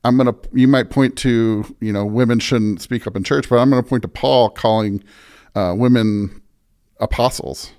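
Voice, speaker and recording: Speaking as a pastor, an American man explains his beliefs in a conversational podcast interview, leaning on "right?" and "you know" to check in. Earnest and emphatic, he has a medium-pitched, clear, resonant voice with a darkish tone, fairly even intonation and normal speed.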